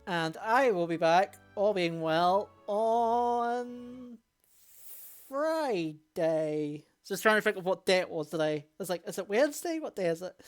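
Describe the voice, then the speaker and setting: A woman wrapping up a game stream, chatty and rambling in a relaxed way, with faint music behind. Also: on the low side, brisk, few pauses. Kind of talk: casual stream chat.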